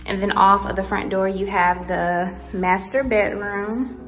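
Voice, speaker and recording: Faint music sits behind a young woman's medium-pitched, slightly slow voice as she vlogs a tour of an empty apartment, kitchen and bare rooms included, filming on a phone in hand as she walks. Animated and casual, she addresses viewers directly with plenty of "y'all" and "honey," and the empty space echoes with long reverb.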